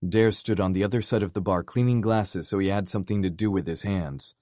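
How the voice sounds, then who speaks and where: A man narrating a romance audiobook in a steady, measured reading style. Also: sits low, no echo. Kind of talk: scripted narration. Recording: dry close audiobook recording.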